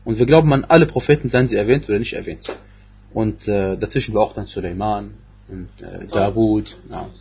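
A man's voice: lowish voice, fairly quick, slightly rough, muffled recording. A man giving a religious lecture on scripture, speaking hesitantly with many fillers and restarts. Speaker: Quran exegesis teacher.

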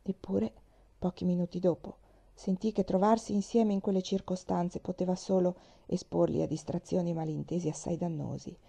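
A woman reading a classic novel aloud as an audiobook, in a steady, measured way. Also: on the low side, gravelly, breathy edge. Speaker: audiobook reader.

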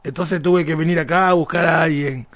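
A man playing a shifty suspect who works in a factory, in a radio comedy sketch, stalling with drawn-out fillers. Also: a little high, fairly even intonation, fairly bright tone, no room sound, natural voice. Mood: hesitant.

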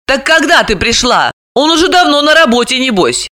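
A guarded young woman in an audiobook, brushing off questions with a breezy, defensive tone, voiced by a woman reader. Her voice sits a little raised and bright, quick to deny. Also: high voice, sing-song, no echo, studio quality, pitched above the performer's own voice, exaggerated voice. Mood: defensive evasive. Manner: defensive, feigned nonchalance. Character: evasive young woman hiding a secret. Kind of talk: audiobook character voice.

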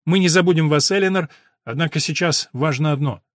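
A reserved middle-aged doctor from an audiobook, firm and clipped, sending someone away without warmth, voiced by a male reader close to his own voice. The voice is somewhat high for a man and the recording is dry. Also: fairly quick, dry recording, lightly acted.

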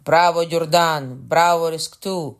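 A man voicing a hot-blooded young king who shouts loud, high, strained commands during a boar hunt in an audiobook. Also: fairly even intonation, takes it slowly. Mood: fierce.

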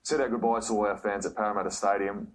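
A man's voice: fairly low pitch, steady tone, quick pace, heavy background noise. A man speaking in an interview clip, rambling about a disappointment. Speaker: retiring player.

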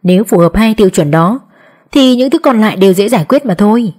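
A woman's voice: mid-range voice, lively intonation, fast, darkish tone, pitched above the performer's own voice, close to an everyday voice. A woman voicing a lazy, teasing young boyfriend in an audiobook, talking offhandedly. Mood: offhand. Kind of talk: audiobook character voice.

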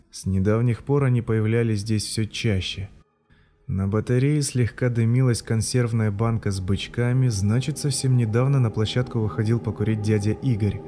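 A man reading a story aloud in a measured, even storytelling manner. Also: mid-range voice, slight background noise. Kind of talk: audiobook narration.

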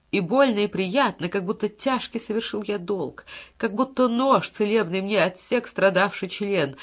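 Anguished envious male composer in a classic verse drama, as a woman reader puts him on, solemn and declaiming, with a middle-pitched voice. He lingers over each line of grief and guilt, as if weighed down by what he has done. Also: natural voice.

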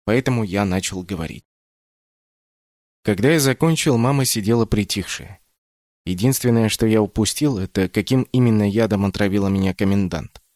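Brief: male audiobook narrator, deep-ish voice, calm reflective first-person read, dry booth sound. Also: moderate pace, no echo.

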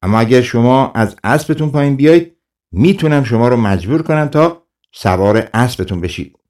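A man's voice: medium pitch, animated, darkish tone, lightly acted. A man voicing a clever, cheeky wandering trickster in a folk tale audiobook, speaking slyly and self-assured.

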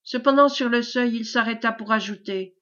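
A woman reading a classic novel aloud as an audiobook narrator, in a measured storytelling manner. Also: fairly high pitch, fairly bright tone, lo-fi sound. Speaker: audiobook reader.

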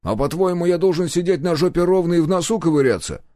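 A man's voice: a little high, lively intonation, fast, a little mellow, dry recording, studio quality, voice pushed up, natural voice. A man voicing a surly, foul-mouthed hunter who answers questions with questions. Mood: evasive. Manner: gruff, sullen, swearing.

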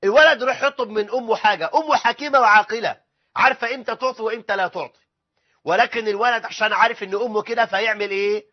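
A man with an Egyptian accent preaching at a brisk clip with a fairly high voice. He slips between everyday street speech and formal phrasing, and he acts out little family dialogues. The recording sounds dull and lo-fi. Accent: Egyptian Arabic. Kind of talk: sermon.

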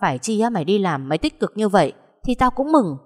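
A woman voicing a harsh, abusive middle-aged stepmother who shouts and scolds, with a long echoing reverb. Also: mid-range voice, very animated, fast, pitched above the performer's own voice. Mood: grumbling.

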